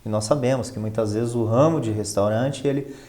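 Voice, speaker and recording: Speaking fairly quickly in a mid-range, darkish voice, this Brazilian man is a guest expert, a finance professional and professor. He explains conversationally, repeating points for emphasis and posing rhetorical questions.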